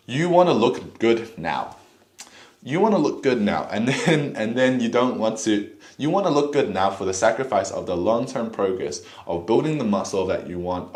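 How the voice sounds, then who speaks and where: A man's voice: on the low side, darkish tone, roomy sound. A young man giving blunt, profane fitness advice in a casual vlog, mocking others in put-on voices. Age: young adult. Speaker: fitness vlogger.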